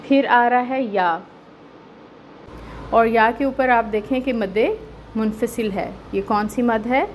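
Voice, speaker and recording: Pakistani woman tajweed teacher, fairly high voice, patient step-by-step explanation with slow recitation, faint hiss behind. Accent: Pakistani Urdu. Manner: explains step by step, checks with "theek hai"; slow drawn-out recitation of verses. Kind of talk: Quran recitation lesson.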